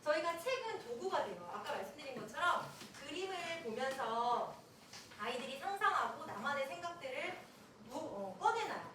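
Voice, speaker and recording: Lively high-voiced woman in an echoey room. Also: moderate pace, distant mic, background noise. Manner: animated, acts out children's and teacher's lines. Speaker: education center presenter. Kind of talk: admissions info session talk to parents. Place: room at an info session.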